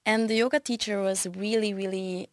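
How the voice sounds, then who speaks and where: A woman, a yoga teacher chatting as a podcast guest, friendly and quick to laugh, with many fillers. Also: medium pitch, steady tone, no echo, studio quality. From Belgium. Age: 30s. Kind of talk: casual interview chat.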